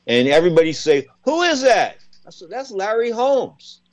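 A man in his sixties hosting a radio talk show, chatty and animated as he tells stories and asks questions. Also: high voice, moderate pace, poor audio. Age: 60s.

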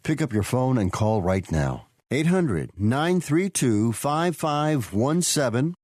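A man reading a hard sell radio ad as a commercial announcer, with an urgent, salesy pitch. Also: very animated, slow, darkish tone, dry recording, clean studio sound.

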